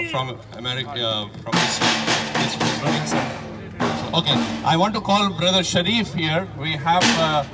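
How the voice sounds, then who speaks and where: A man hosting a rally with informal, unscripted announcements, hesitant and often repeating his words. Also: on the high side. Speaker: rally host introducing speakers. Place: outdoors at a street protest. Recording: distant outdoor street recording.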